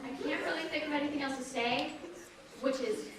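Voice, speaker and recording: A woman's voice: sits high, a little fast, crowd noise. Brief: a chatty, self-conscious young woman director, recorded from far back in a hall. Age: young adult. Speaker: writer and director. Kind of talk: nervous curtain speech. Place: theater stage. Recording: echoey hall from far off with audience.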